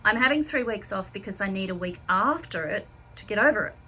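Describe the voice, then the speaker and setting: An Australian woman behind the camera, chiming in with playful, quick banter. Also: medium pitch, expressive, bright, forceful tone. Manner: playful, quick interjections and laughs. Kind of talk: casual banter.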